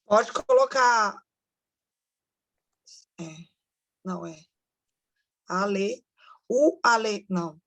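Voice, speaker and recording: A woman's voice: mid-range voice, a bit bright. A woman student in an online French class, trying phrases hesitantly. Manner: hesitant, slow, unsure attempts.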